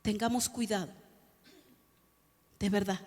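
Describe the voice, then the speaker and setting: A woman's voice: medium pitch, fairly even intonation, takes it slowly, darkish tone, long reverb tail. A woman pastor preaching a sermon, addressing the congregation and asking them rhetorical questions. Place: church hall.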